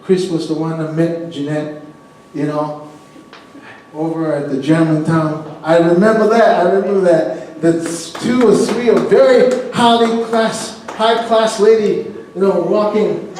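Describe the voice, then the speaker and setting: A middle-aged man, a pastor, giving a sermon as an animated storyteller who laughs often and repeats and restarts his words. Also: high voice, unhurried, a little hiss or hum. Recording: echoey hall, mic at a distance.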